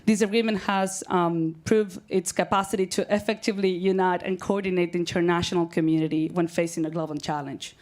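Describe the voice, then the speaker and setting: Young Argentine woman, fairly low voice, earnest event speech. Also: fairly even intonation, fairly quick, few pauses, a little mellow. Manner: earnest, with frequent ums and light laughs. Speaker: speaker, law student.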